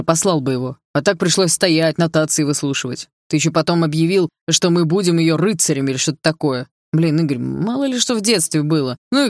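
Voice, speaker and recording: An audiobook reader voicing a scheming young older brother who lectures and quietly threatens. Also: mid-range voice, dry recording, studio quality, close to an everyday voice. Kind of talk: audiobook dialogue.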